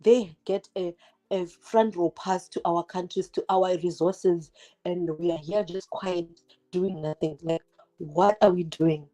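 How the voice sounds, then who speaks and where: A young Zimbabwean woman, English not her first language, hosts a casual YouTube livestream in her kitchen, cooking as she talks while fireworks sound outside. Her voice is fairly low and mellow, with fairly even intonation and a measured pace, and the audio is rough. She's direct and chatty, full of "like" and rhetorical questions.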